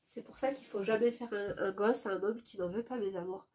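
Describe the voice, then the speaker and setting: A woman with a stuffy, nasal voice from a cold, reading a viewer's letter aloud and dropping to soft asides between passages. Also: fairly even intonation. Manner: drops to a soft, low voice for quick asides.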